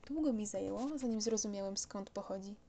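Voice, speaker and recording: A woman narrating a storybook audiobook in a calm, measured way. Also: medium pitch.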